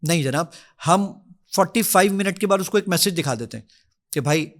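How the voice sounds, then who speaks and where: A man's voice: high-pitched, expressive. A man, a podcast guest demonstrating his app with energy and enthusiasm, acting out his own requests as he goes. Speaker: app founder giving a demonstration.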